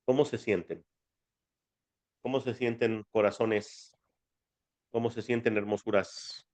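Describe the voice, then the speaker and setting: A man's voice: fairly low pitch, steady tone, measured pace, darkish tone. A man with a Mexican accent leading a spiritual study group in a chatty, affectionate way, calling his listeners family. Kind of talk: casual spiritual teaching.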